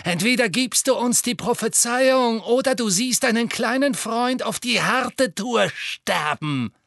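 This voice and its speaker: A man's voice: extremely high pitch, animated, a little slow, gravelly, fairly bright tone, dry recording, studio quality, voice pushed up, heavily acted. A man voicing a gleeful, cruel female witch who taunts with open delight in an audiobook. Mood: gleeful cruelty. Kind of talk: audiobook character voice.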